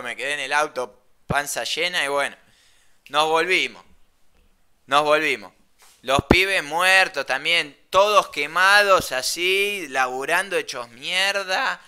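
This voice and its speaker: A young man with an Argentine Rioplatense accent, casually telling a slangy, animated anecdote. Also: on the high side, smooth. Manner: animated, slangy, laughs mid-story. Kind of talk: casual storytelling.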